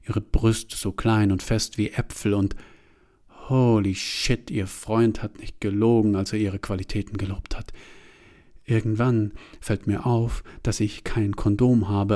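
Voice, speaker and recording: A man narrating a first-person story in a confessional way, turning from hushed to agitated. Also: fairly low pitch.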